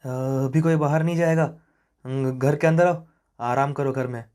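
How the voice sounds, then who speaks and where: A grave old village grandmother, put on by a male narrator speaks in hushed, urgent warnings. She is frightened and secretive, the voice of dread in a spoken horror tale. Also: mid-range voice, flat delivery, slow pace, slightly rough.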